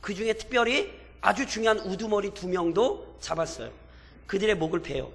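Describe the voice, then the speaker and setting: A man preaching a sermon as pastor, animated and full of rhetorical questions to the congregation, in a church with long reverb. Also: high-pitched, brisk, creaky.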